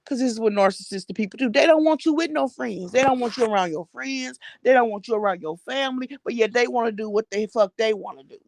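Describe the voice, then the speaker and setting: An American woman vlogger talks fast with few pauses, her voice fairly high, creaky, and darkish in tone, with slight background noise. She gives blunt, slangy gossip about social media personalities, swearing freely and repeating phrases for emphasis.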